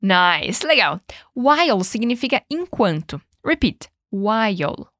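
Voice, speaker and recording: A Brazilian woman with a fairly high voice leads a podcast English lesson in an upbeat, coaching way. She says each English word slowly and then asks the listener to repeat it. The recording is close and dry. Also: expressive, a bit bright, dry recording. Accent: Brazilian Portuguese. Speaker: English teacher and podcast host. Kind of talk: podcast language lesson with repeat-after-me drills.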